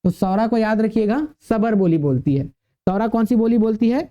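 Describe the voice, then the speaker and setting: A man's voice: high voice, moderate pace, mellow, muffled recording. Man lecturing, quizzing and repeating. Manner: asks the class questions and answers them himself, repeats key words. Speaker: teacher. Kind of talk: classroom lecture.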